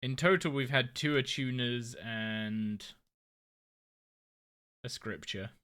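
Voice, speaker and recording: Tired, bright-voiced male game streamer. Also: mid-range voice, slow pace, smooth. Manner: rambling, thinking aloud with many restarts. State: tired and yawning. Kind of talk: casual live-stream chat while playing.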